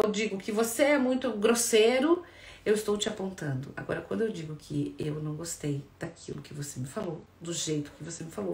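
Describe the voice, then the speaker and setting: A woman with a Brazilian accent, a psychologist explaining things in a lively way and often checking in with her listeners. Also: medium pitch. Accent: Brazilian Portuguese. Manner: lively, addresses listeners directly with frequent checks. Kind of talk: explanatory talk to viewers. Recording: echoey room with faint background noise.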